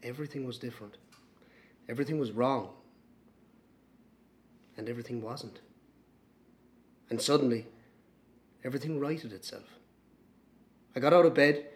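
An actor playing a haunted man, reflecting in a hushed, halting dramatic monologue. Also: medium pitch, natural voice.

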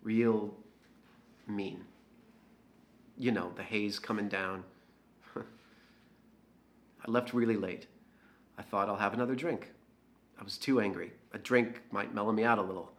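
A man's voice: fairly low pitch, steady tone, unhurried, long pauses. An actor playing a resentful, slightly drunk man, confessing in a dramatic monologue. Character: resentful, tipsy man who frightens a woman.

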